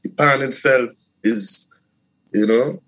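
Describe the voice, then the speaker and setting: This is a man from Trinidad, a steelpan player and producer, being interviewed casually in a Trinidadian accent. He speaks slowly at a medium pitch yet stays animated, often restarting and saying "you know," and the recording is low-quality and slightly rough.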